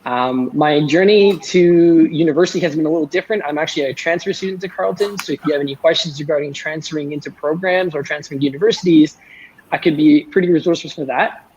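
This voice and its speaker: Young man, raised pitch, raspy tone, conversational panelist, dull recording. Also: quick pace, darkish tone. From born in India, moved to Canada about twenty years ago. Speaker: student panelist. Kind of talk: conversational self-introduction and advice.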